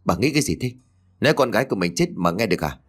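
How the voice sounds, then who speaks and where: A man's voice: fairly low pitch, very animated, racing. Figure: a man doing an anxious guilt-ridden father. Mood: worried. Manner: gruff, pleading under strain.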